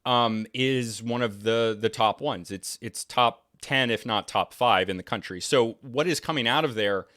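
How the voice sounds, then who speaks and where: A man's voice: medium pitch, measured pace, a bit bright. A young man from New England, talking in casual conversation as a podcast guest, rambling and opinionated with many restarts and fillers. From New England, United States.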